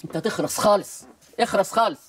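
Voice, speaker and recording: A woman's voice: medium pitch, quick pace, background noise, close to an everyday voice. An actress playing a stern, commanding old grandmother in a film comedy. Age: older. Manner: commanding, scolding.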